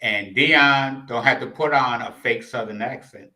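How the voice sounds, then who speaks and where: A man co-hosting a casual sports talk show, quick and slangy, often cutting in over his co-host. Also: medium pitch, pushed and bright. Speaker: podcast co-host.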